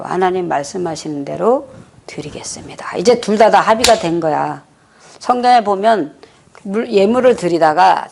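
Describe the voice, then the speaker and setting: A woman's voice: mid-range voice, vocal fry. A middle-aged woman pastor preaching a sermon, telling a story and acting out the people's words in it. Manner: storytelling preacher who acts out quoted dialogue. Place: prayer retreat hall.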